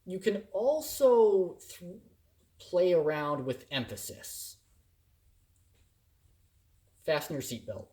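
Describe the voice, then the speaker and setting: Animated man giving a slow recorded lecture. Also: high voice. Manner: animated and playful, acting out examples in varied emphasis. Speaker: college instructor.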